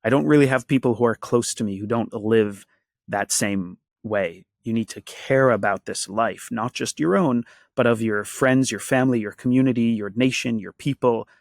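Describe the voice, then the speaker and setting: A man's voice: mid-range voice, normal speed, vocal fry, no room sound, studio quality. A man from the Washington, D.C. area, a guest in an interview, speaking earnestly and reflectively in long lists. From Washington, D.C. area, USA. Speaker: guest, actor and activist. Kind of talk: conversational interview.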